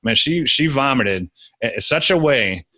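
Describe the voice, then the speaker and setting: A man's voice: mid-range voice, expressive, measured pace, bright, forceful tone, no echo. A young adult man, a podcast guest, telling a personal story in casual conversation with many restarts.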